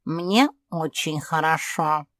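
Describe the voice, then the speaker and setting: A woman voicing a lazy, sleepy male cat who answers in a wheezy, grumbling voice, slow and dry. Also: low voice, a bit bright, no echo. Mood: grumpy lazy.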